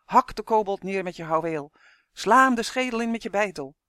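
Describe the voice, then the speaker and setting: A man voicing a gruff, sharp-eared gnome man with a growling, commanding manner. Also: high-pitched, moderate pace, no room sound, studio quality, lightly acted. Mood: battle cry.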